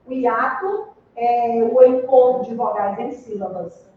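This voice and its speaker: A Brazilian woman with a slightly high voice teaches a grammar lesson at a very unhurried pace, spelling out letters one by one. She sounds far from the mic in a big, booming room, and the recording is dull. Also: heavy reverb, slight background noise. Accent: Brazilian Portuguese. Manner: slow, deliberate, spells out letters and checks with "certo?". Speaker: Portuguese teacher.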